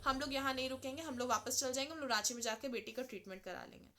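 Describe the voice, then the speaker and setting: A woman voicing a frightened mother who speaks in a hurried, pleading way. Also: high-pitched, bright, forceful tone. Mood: panicked. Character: frightened mother begging to leave.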